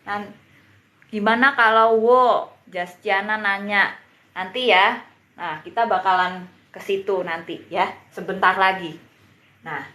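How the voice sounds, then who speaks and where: A woman's voice: mid-range voice, fairly bright tone, roomy sound. A woman teaching a beginner language class on a live stream, who patiently repeats each word and drills its pronunciation. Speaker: Mandarin teacher.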